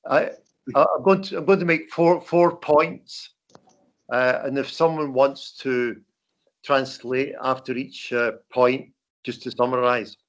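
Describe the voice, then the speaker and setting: An older man with a broad Scottish accent giving an informal talk as a veteran journalist, halting and repeating words. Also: mid-range voice, steady tone. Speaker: veteran journalist, guest speaker. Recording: dull lo-fi call audio.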